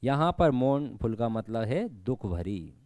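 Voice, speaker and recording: A man teaching an exam-prep lesson. He asks questions and answers them himself, tells students to memorize, and reads verse lines slowly. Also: medium pitch, very animated, darkish tone, dry recording. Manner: explains step by step, asks and answers his own questions; stresses rote learning with repeated reminders.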